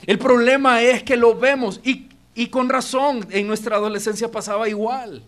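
Brief: emphatic male preacher, high voice, church sermon. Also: steady tone, moderate pace, fairly bright tone. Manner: emphatic, addresses congregation directly. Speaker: pastor. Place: church auditorium.

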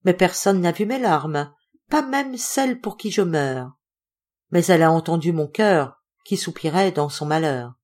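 A woman's voice: on the low side, lively intonation, measured pace, a little mellow. A woman voicing a heartbroken ape-man. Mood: sad singing. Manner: sad, tender and plaintive. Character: sorrowful lovesick male ape-man. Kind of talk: audiobook reading.

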